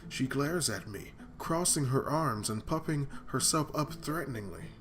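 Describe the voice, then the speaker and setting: A man's voice: mid-range voice, animated, unhurried, fairly bright tone, soft background music. A man reading a visual novel aloud for his gaming channel, voicing the lines dramatically and breaking off for joking asides.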